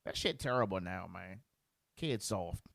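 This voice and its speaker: Profane, animated male podcast host. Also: low voice, measured pace, creaky, no room sound. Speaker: father of a preschooler. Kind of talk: casual chat.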